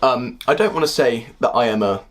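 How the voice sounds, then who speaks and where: A young man in his twenties with a husky voice, talking through a casual critique of a TV series in a heated, exasperated way. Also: medium pitch, fairly quick, background noise. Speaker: video critic.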